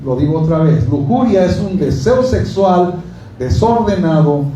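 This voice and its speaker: A man preaches in a chatty, joking way, asking the congregation questions as he goes. His voice sits high and mellow. He is heard from a distance in a very echoey church hall, with faint noise behind him. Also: lively intonation, measured pace. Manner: conversational preaching, asks the congregation questions, jokes. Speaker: pastor. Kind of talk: sermon.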